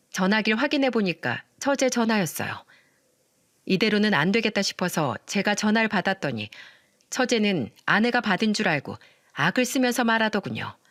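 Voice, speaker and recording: A woman's voice: mid-range voice, a bit bright, dry recording, studio quality. A woman narrating a first-person story in a plain conversational reading that asks the listeners questions.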